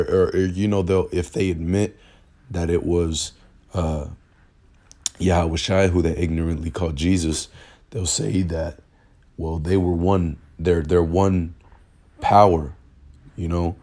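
Hoarse and raspy from a cold, a religious teacher with a very deep, dark voice leads an informal bible lesson captured by phone screen recording. He reads verses aloud haltingly, stalling on repeated words and filling gaps with fillers.

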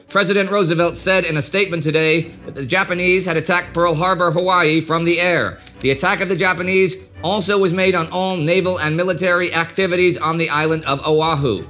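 A man's voice: fairly high pitch, a bit bright. Man narrating history over music. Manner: measured storytelling with direct asides. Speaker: host. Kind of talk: scripted documentary narration. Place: indoor studio set with a desk.

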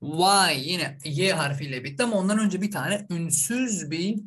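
A man's voice: high-pitched, moderate pace, fairly bright tone. A man from Azerbaijan, teaching an online language lesson and drilling each word over and over, with a frequent "okay?" to check in. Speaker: English teacher.

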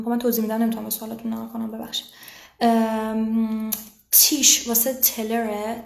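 A woman teaching English to Persian speakers in a live online class, answering viewers' questions casually and saying English words slowly with a Persian accent. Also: fairly high pitch, darkish tone, echoey room. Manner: chatty, switches to slow careful English words.

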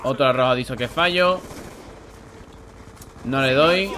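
A young man with a Spain Spanish accent doing live gameplay commentary, excitable and grumbling, swearing when frustrated. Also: mid-range voice, unhurried, a little hiss or hum. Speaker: gaming YouTuber.

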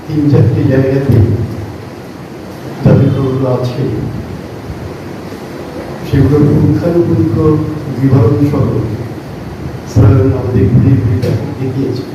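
A man giving a formal public address in halting, measured phrases, his voice swimming in a heavy cathedral-like echo. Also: medium pitch, flat delivery, far from the mic. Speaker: invited speaker at a film screening. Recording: echoey, dull, noisy hall from afar.

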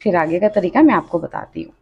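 In this voice-over, a cooking channel host talks quickly through a home kitchen recipe, step by step, in a fairly low, husky voice with vocal fry and lots of expression. She's chatty and instructive, often dropping "achha" and "dekhiye", and the audio sounds dull.

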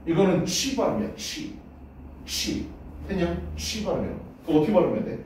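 A man's voice: high voice, very animated, fast talker, darkish tone, a little hiss or hum. A man teaching English pronunciation in a classroom lesson. He casually drills words aloud and keeps checking that his students follow. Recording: roomy echo, voice far from the mic.

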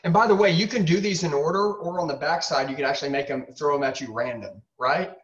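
A man with a voice on the high side talks quickly, acting as a sales trainer and host. He delivers emphatic, punchy motivational coaching, repeating himself for effect. The sound is dull and lo-fi from a distant mic.

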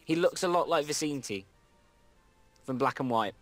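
A young man hosts a let's play with a rather high, animated voice at normal speed, rambling casually, correcting himself and restarting often. He reads game dialogue out loud. The sound has no echo, with faint music underneath.

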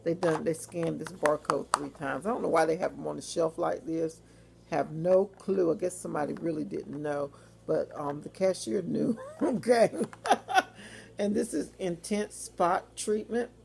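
A woman's voice: low voice, moderate pace, creaky, a little mellow, slight background noise. A woman chatting casually in a rambling, informal way for a home haul video. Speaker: vlogger. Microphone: phone or webcam.

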